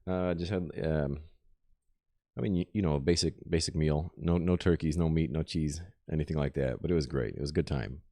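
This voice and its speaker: A man speaking in an extremely deep, gravelly voice, relaxed and unhurried. He chats casually with viewers while working on a tattoo, explaining his technique into a desk microphone. He sounds easygoing and conversational throughout. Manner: laid-back, explains technique while reading chat. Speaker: tattoo artist streaming live. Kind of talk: casual live-stream chat while working.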